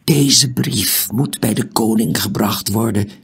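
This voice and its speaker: A man voicing a mysterious hooded old man in an audiobook, in a whispered role-play, hushed, urgent and pleading. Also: on the low side, slow, creaky, husky, pitched above the performer's own voice, full character voice. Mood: secretive.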